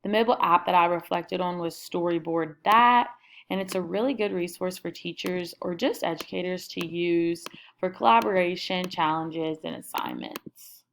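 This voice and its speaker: Young woman narrating a screen recording, gravelly fry. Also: lowish voice, moderate pace, fairly bright tone, a little hiss or hum. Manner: casual, upbeat listing of items. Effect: screen recording voice-over. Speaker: student presenting her class website.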